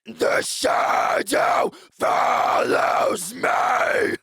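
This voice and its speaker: Aggressive metal screamer, raspy gravelly false-cord shriek, forceful, dry vocal demonstration. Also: male voice, very high-pitched, wildly swooping pitch, no room sound, pitched above the performer's own voice, full character voice. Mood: aggressive, intense. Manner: forceful, drawn-out or rhythmic shouting.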